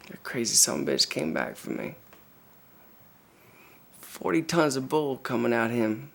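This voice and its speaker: An actor playing a young soldier telling a wild story, profane and swaggering. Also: male voice, medium pitch, a little slow, vocal fry. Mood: brash. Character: brash young male soldier, reckless storyteller. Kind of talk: dramatic monologue.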